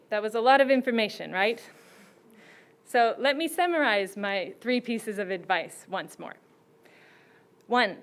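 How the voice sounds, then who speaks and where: A woman judge giving prepared, teacherly advice to students in a slow and deliberate way. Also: medium pitch.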